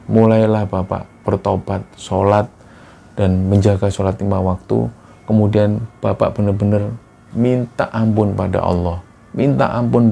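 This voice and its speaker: A man voicing a calm, reassuring male religious teacher of about fifty in a horror story. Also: fairly low pitch, gravelly, husky.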